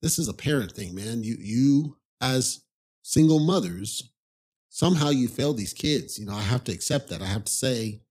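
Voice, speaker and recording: A man's voice: medium pitch, lively intonation, moderate pace, a little mellow, breathy edge. A man hosting a podcast, telling a personal story in a casual, rambling monologue full of "you know" asides. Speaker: podcast host.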